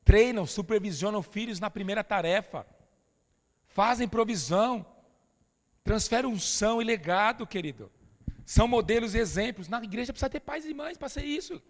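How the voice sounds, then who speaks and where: A man's voice: high voice, lively intonation, moderate pace, big-room sound. A Brazilian man preaching a sermon as pastor, emphatic and familiar, calling his listeners "dear". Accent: Brazilian Portuguese.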